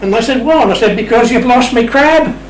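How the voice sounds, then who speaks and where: An older Australian man, his voice very high and brisk, tells a casual anecdote as an interview guest, wry, playful and understated. He's in a radio shack room, picked up by a distant mic in a roomy space with clear background noise.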